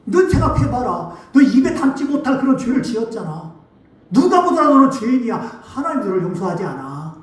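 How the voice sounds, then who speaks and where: A man's voice: extremely high pitch, big pitch swings, brisk. A man voicing a taunting male devil who scornfully accuses a sinner. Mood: sneering. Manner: sneering, scornful, goading. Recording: echoey hall from far off.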